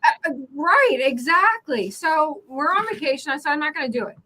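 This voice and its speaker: A woman co-hosting an online talk show, telling a story in an animated, chatty way. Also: high-pitched, normal speed, low-quality recording. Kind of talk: casual chat.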